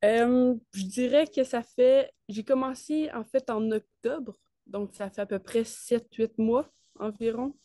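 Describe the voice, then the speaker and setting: A nineteen-year-old woman with a Quebec French accent chats casually and enthusiastically as an interview guest, talking about her work as a network marketer in colloquial speech. Her voice is on the high side, unhurried and mellow. The studio-quality recording has no room sound.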